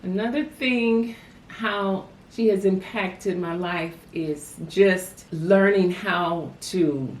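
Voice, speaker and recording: A woman's voice: mid-range voice, slow. A woman reflecting on family memories in an interview, telling stories with frequent "you know". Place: family home. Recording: roomy sound from a distant mic.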